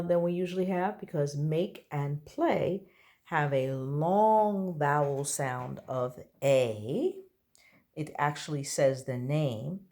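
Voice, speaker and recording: A woman with a low voice teaches young children their letter sounds. She speaks slowly and patiently, stretching out each vowel so it can be heard clearly. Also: a little mellow. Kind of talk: phonics lesson for young children. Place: at home.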